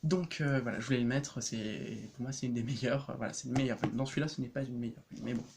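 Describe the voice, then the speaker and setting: A man's voice: mid-range voice, steady tone, fast, gravelly, darkish tone, a little hiss or hum. A man, an energy practitioner, casually explaining his homemade rune deck on a vlog, hesitant and full of fillers, often chuckling.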